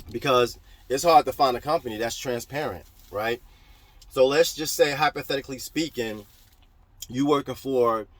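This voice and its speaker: A man's voice: mid-range voice, fairly bright tone. A middle-aged American man talking casually to viewers in a rambling, plain-spoken vlog style, repeating phrases as he gives advice. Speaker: vlogger and trucking business owner. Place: in a parked truck cab.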